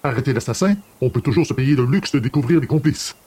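An actor playing a calm, ironic police detective of about fifty, speaking in a dry and unhurried way. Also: male voice, mid-range voice, husky. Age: 50s. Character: cool ironic middle-aged male police detective.

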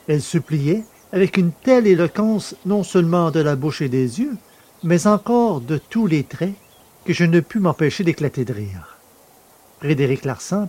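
A man narrating a story in the first person, in a measured storytelling manner. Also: fairly high pitch, warm tone, slightly rough.

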